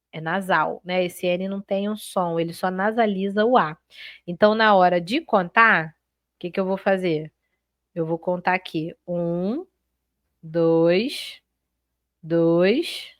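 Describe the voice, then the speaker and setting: A woman teaching Portuguese in a live online exam-prep class, chatty and lively, talking straight to her students and checking in often. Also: on the low side, dry recording, studio quality.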